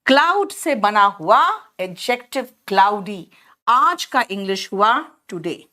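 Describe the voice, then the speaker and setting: A woman with an Indian accent teaching spoken English in a slow, repetitive way and calling her students "beta". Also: mid-range voice, very animated, bright, forceful tone. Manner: explains slowly, repeats words, calls students "beta".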